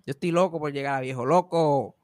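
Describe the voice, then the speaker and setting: A man's voice: fairly high pitch, fairly quick, no room sound, studio quality. A man with a Puerto Rican accent telling funny family stories in casual chat, swearing freely. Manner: animated storyteller, swears casually, laughs often.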